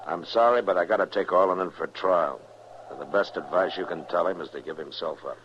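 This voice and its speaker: An actor playing a firm, steady frontier marshal in a radio western, grave and plain-spoken, with an American accent. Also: male voice, deep voice, brisk. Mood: firm warning. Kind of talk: old-time radio western acting. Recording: muffled, noisy vintage radio recording.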